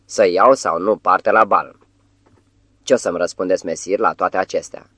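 A man voicing a vain, cheeky talking tomcat jester with a falsely warm, huffy manner. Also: low voice, no room sound. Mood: offended.

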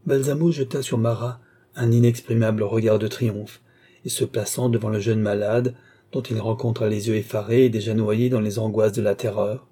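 A man narrating an audiobook novel in a measured, even storytelling manner. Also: on the low side, slightly rough. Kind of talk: scripted narration.

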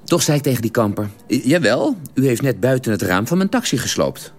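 A man in a radio drama telling a long, detailed story at the dinner table in a measured, drily precise way. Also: mid-range voice, very animated. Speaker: character telling an anecdote at a family dinner.

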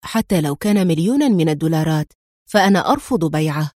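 A woman voicing a calm, sardonic male secret agent who talks in a dry, mildly mocking way, in a storybook reading. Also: low voice, fast, no room sound, voice pushed down.

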